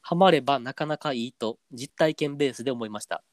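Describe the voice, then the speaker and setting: A man's voice: mid-range voice, fast talker, no room sound. A man with a Kansai accent co-hosting a podcast, chatting easily and reading a listener's letter aloud. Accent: Kansai Japanese. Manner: easygoing, drops into a stiff flat voice when trying standard speech. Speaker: podcast co-host.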